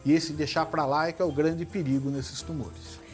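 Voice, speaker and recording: This middle-aged Brazilian head and neck surgeon, appearing as a guest, explains things in interview answers at a measured pace, frequently adding "né?" to his points. His voice sits a little high and stays steady, with a Brazilian Portuguese accent and faint music behind him.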